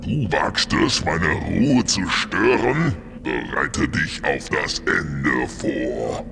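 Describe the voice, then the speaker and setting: A menacing undead orc priest from a fantasy game. The voice is abysmally low and heavily gravelled. Every word is dragged out with ominous weight, over clearly audible noise. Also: male voice, fairly bright tone, heavily acted. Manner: slow, drawn-out, ominous delivery. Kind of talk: fantasy video game acting.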